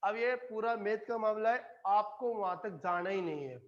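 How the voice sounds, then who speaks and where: High-voiced man teaching a class. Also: moderate pace, lo-fi sound. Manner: coaxing, keeps checking if students follow. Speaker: chemistry teacher. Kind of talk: classroom lecture. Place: classroom with students.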